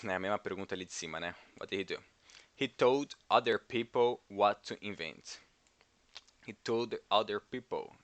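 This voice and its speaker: A man's voice: lowish voice, a bit bright, no echo. A man with a Brazilian Portuguese accent giving an informal English lesson, explaining step by step and checking in with the viewer. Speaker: English teacher.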